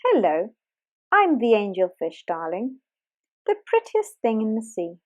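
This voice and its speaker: A woman's voice: a little high, huge pitch swings, measured pace, a little mellow, dull audio. A woman putting on a vain, preening angelfish.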